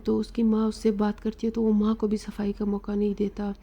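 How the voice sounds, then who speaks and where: A woman narrating an episode recap of a drama, retelling the plot with fillers and pauses. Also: mid-range voice, monotone, lo-fi sound.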